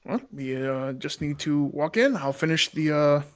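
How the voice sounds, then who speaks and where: Higher-voiced man, halting game master. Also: animated. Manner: halting, informal, searching for words. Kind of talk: casual tabletop game narration.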